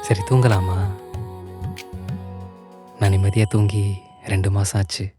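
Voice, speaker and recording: A soft-spoken young husband, played by an actor in a short romantic film, with a lowish voice. He talks gently and apologetically. Loud music plays under his lines. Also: fairly even intonation, measured pace, close to an everyday voice. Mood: tender.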